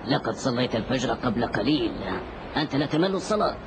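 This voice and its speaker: A man voicing a sleepy, grumbling sailor companion in an animated film, teasing and complaining. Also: mid-range voice, fast talker, close to an everyday voice. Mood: grumpy. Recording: noisy soundtrack background.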